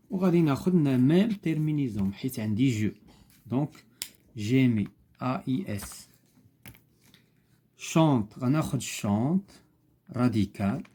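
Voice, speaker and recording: A man's voice: mid-range voice, warm tone, a little hiss or hum. A man with a Moroccan accent, a teacher patiently explaining homework step by step and spelling out letters.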